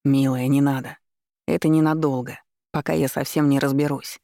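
Brief: a woman playing a gentle, placating husband in an audiobook, low and hushed, gravelly. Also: little pitch movement, moderate pace, no room sound, studio quality. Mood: pleading. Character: adult man, husband, calm and pleading.

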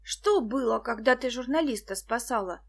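A woman reading the part of an excitable teenage boy in an audiobook. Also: a little high, moderate pace. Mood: eager.

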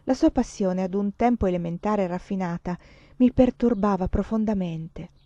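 Brief: woman narrator, audiobook reading, measured and expressive, dull dry lo-fi sound. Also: mid-range voice, no room sound. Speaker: reader.

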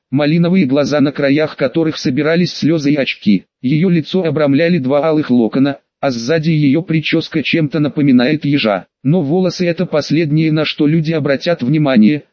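A man reading a fan-fiction audiobook aloud in a steady, matter-of-fact storytelling manner. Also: a little high, no echo, highs cut off. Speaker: audiobook reader. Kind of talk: scripted first-person narration.

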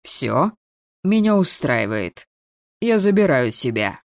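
A cold, domineering man, as a reader puts him on issues slow commands in a storybook reading, set a little lower than the narration and held back. The voice is dry and close. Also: very animated, no echo. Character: cold, domineering older man, ruthless father. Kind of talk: audiobook character voicing.

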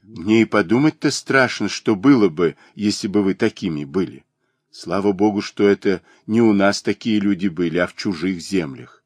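A man's voice: sits low, moderate pace, husky, dry recording. A man reading as a devoted, jealous young peasant woman. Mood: pleading. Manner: reproachful, emotional pleading.

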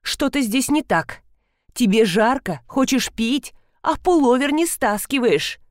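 A woman's voice: a little high, expressive, a little slow, dry recording, clean studio sound, pitched above the performer's own voice. Woman voicing a bossy, teasing wife. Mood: needling insistent. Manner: pushy, needling, insistent. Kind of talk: audiobook character voice.

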